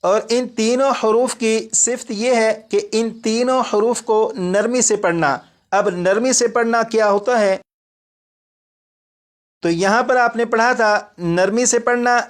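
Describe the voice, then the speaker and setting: A man teaching a recorded recitation lesson. He explains each point twice and drags out each example letter three times, slowly and a bit louder. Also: high-pitched.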